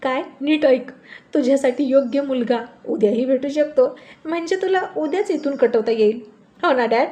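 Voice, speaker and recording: A loud, playful older brother who keeps bossing and teasing his sister, put on by a woman narrator. He sounds cheeky and hurried, quick with a jibe. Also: high-pitched, close to an everyday voice. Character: teasing young adult brother.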